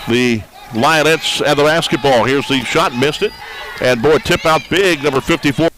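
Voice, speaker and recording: Brief: male play-by-play announcer, slightly high voice, folksy and chatty, lots of "uh" fillers. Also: moderate pace, noisy background. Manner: folksy, conversational, frequent "uh" fillers. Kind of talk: live basketball commentary.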